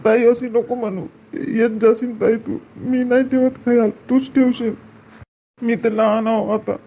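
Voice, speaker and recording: A man, acting a tender rural father and relatives at a daughter's farewell in a comedy skit, soft and pleading, repeating comforting words. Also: extremely high pitch, flat delivery, unhurried, vocal fry, full character voice, poor audio.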